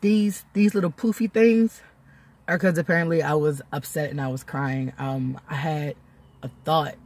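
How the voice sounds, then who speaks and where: A woman's voice: sits low, steady tone, normal speed, a little mellow. Tearful chatty woman vlogging. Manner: chatty, laughing often, emotional. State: tearful, close to crying. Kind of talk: casual vlog diary.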